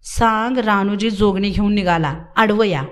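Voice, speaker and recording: A woman's voice: medium pitch, normal speed, lightly acted. A woman voicing a brave, determined young village warrior man who gives urgent, commanding orders in rustic speech.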